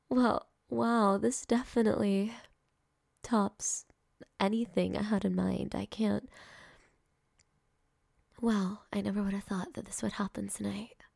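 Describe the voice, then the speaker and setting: A young woman whispering softly and affectionately to a partner in an ASMR roleplay, speaking close to the microphone. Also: medium pitch, fairly even intonation, takes it slowly, creaky, long pauses, dry recording. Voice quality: soft whispering, intimate and affectionate. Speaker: girlfriend in a roleplay.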